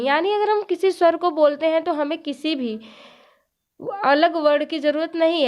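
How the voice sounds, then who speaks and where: A woman with a high voice explains a lesson step by step. She keeps asking rhetorical questions and answers them herself, repeating each point. The recording sounds dull and lo-fi. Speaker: teacher.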